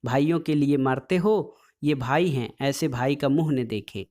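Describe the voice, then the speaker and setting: A man's voice: medium pitch, unhurried, a little mellow, close to an everyday voice. Dhaniya, a fiery, defiant village wife, voiced by a man reading a storybook aloud. She scolds and hurls her words in a heated rush, never backing down. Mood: angry defiance. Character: angry village woman, sharp-tongued and defiant.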